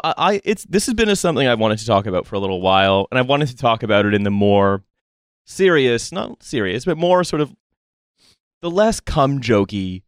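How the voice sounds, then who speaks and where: A man around thirty hosting a casual roundtable, talking in a wry, rambling, halting way. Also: lowish voice, clear, resonant tone, no echo, clean studio sound. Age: late twenties to early thirties. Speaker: podcast host. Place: small studio, around a table.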